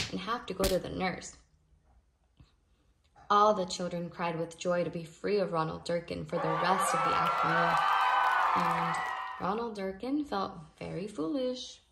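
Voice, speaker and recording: In a noisy home recording full of clicks, a woman with a lowish voice and vocal fry reads a children's picture book aloud. She reads expressively, lengthening key phrases to give them emphasis.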